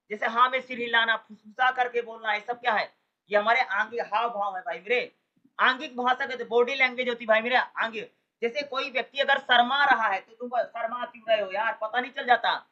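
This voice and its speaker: A man's voice: extremely high pitch, pushed and bright, dull audio. A man teaching an exam-prep lesson in a casual, colloquial way, who keeps asking rhetorical questions and answering them himself. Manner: calls listeners "brother", colloquial. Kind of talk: explanatory exam-prep lecture.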